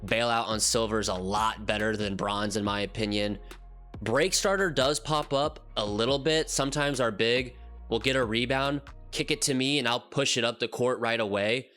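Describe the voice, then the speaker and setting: Soft background music plays as a gaming channel host, nasal with a cold, gives a casual walkthrough of a build, full of ums and restarts. His mid-range voice is a bit bright and moves at normal speed.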